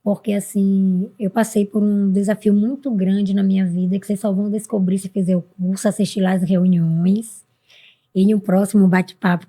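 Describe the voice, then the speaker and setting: A middle-aged Brazilian woman guest on a podcast, speaking in a casual and earnest way. Her voice is mellow and soft-edged, with a middle pitch. She often jumps sharply upward when she quotes other people. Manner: earnest, with sudden high-pitched bursts when quoting others. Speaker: podcast guest, mentor for women. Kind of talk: casual interview talk.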